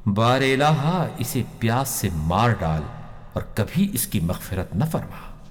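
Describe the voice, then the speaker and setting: A man voicing a revered holy man speaking gravely and slowly in prayer, recorded with long hall reverb. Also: fairly low pitch, animated, natural voice. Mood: imploring. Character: revered holy man praying solemnly, male, calm and grave.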